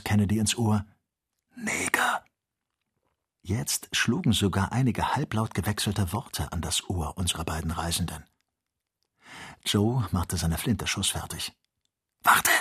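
A male audiobook narrator with a low, husky voice. He reads in an even, measured manner, steady from line to line. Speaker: audiobook reader. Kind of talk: scripted narration.

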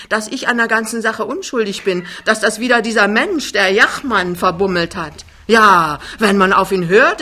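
A woman voicing a vain, indignant older mother who scolds loudly in an audiobook. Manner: shrill, scolding, raised voice.

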